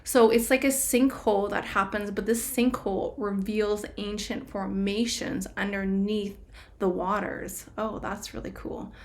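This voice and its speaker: A woman's voice: mid-range voice, level tone, unhurried. Woman musing through a tarot reading. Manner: rambling, self-correcting, intuitive musing. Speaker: tarot reader. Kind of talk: casual spiritual prediction reading.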